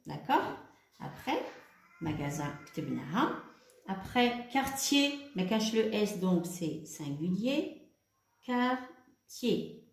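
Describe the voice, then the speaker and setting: A woman with an Algerian accent teaching children, explaining step by step and dictating words slowly. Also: medium pitch, sing-song, reverberant. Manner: switches between French and Arabic, explains step by step; slow, deliberate dictation of words. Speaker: primary school teacher. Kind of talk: homework lesson for children.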